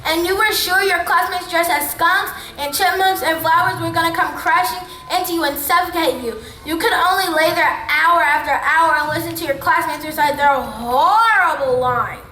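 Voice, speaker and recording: A young woman narrating a school stage play in an expressive, wry storytelling manner. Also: extremely high pitch, moderate pace, hardly any pauses. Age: young adult. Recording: echoey auditorium from far off.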